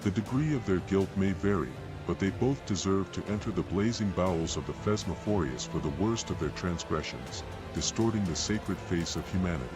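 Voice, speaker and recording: An actor playing a cold, solemn executioner who declaims in a grandiose, ceremonial manner in a dramatic video game. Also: male voice, deep voice, brisk, hardly any pauses, music in the background, close to an everyday voice. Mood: ceremonial, deferential. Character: cold solemn male executioner presiding over public burnings.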